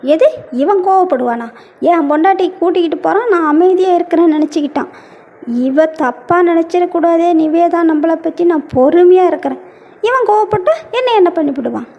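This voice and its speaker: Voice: sits high, little pitch movement, moderate pace, gravelly, lo-fi sound. A woman voicing a jealous young cartoon husband who mutters boastful threats while holding back his temper. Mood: seething. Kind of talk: Tamil cartoon voice acting.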